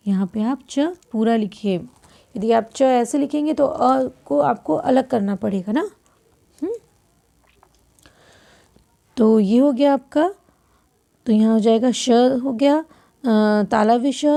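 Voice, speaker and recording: A woman with a fairly high, gravelly voice teaches grammar at an unhurried pace. She walks through each rule step by step, asking questions and answering them herself. She clears her throat now and then and corrects small slips as she goes. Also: warm tone. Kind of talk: classroom grammar lesson.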